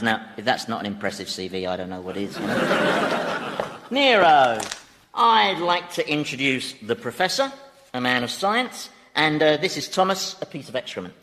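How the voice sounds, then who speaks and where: A man's voice: medium pitch, sing-song, normal speed, background noise, lightly acted. A man playing a sardonic, mischievous Satan in a radio sitcom, chatty and mockingly innocent. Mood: gleeful. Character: gleeful, sardonic male Satan, mischievous ruler of Hell. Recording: hall reverb.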